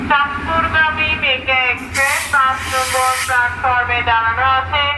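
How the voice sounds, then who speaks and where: A woman's railway station announcement made of words and phrases spliced together from prerecorded clips, in formal, repetitive phrasing over a loudspeaker. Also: high-pitched, background noise. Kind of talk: public address announcement. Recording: echoey station loudspeaker heard from far off.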